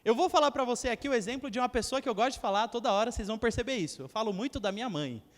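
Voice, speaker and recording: A young male preacher with a strikingly high voice gives a sermon. He tells stories and acts out short quotes, addressing the congregation directly. His voice rings with a long church reverb. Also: animated, racing. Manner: storytelling with acted quotes and asides to the congregation.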